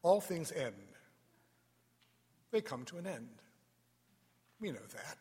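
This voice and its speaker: A man speaking as a priest in a large, echoing church, reading scripture and preaching in a solemn, deliberate way with pauses. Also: on the high side, big pitch swings, warm tone. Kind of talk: Gospel reading and homily.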